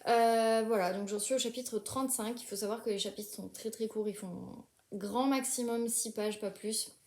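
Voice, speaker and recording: A woman's voice: on the high side, fairly even intonation, normal speed, darkish tone, roomy sound. A young woman talking casually about books she is reading, hesitant, with many fillers and restarts. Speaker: book vlogger.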